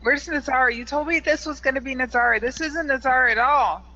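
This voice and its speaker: A man's voice: very high voice, a little fast, bright, forceful tone, muffled recording, a little hiss or hum, pitched above the performer's own voice, heavily acted. A man voicing a panicky captive in a tabletop game, pleading and complaining in a whiny way. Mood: panicked, whiny.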